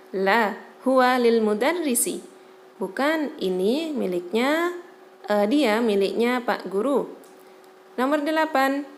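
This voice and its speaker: A woman with a slightly high voice teaches a recorded Arabic lesson. She reads each phrase slowly, translates it, and explains the pronunciation. She checks in patiently with a soft "ya" as she goes. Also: a little hiss or hum. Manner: patient, adds "ya" to check understanding.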